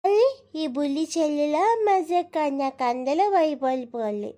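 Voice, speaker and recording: A woman's voice: high-pitched, animated, measured pace, warm tone. A woman voicing a bratty cartoon little girl, a bossy younger sister who tattles and turns on fake tears. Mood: smug. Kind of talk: cartoon voice dubbing.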